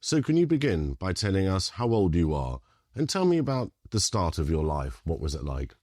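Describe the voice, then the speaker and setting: A man's voice: low-pitched, sing-song, normal speed, darkish tone, no room sound, clean studio sound. A man hosting a podcast, delivering scripted introductions and interview questions. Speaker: podcast host, documentary producer.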